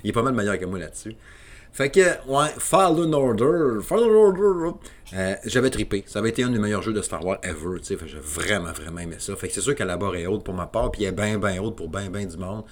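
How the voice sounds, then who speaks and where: Québécois male podcast host, fairly low voice, solo and rambling, chatty and loose. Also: steady tone, quick pace, slight background noise. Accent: Québécois French. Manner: rambling, casual, self-deprecating with many fillers and restarts. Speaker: video game podcast host.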